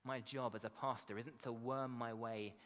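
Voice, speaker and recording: A British man in his thirties delivers a sermon in an echoey hall. He speaks at a middling pitch into a lectern microphone. His manner is conversational, with frequent tag questions. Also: steady tone, moderate pace, fairly bright tone. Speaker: pastor, preacher. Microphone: lectern gooseneck microphones.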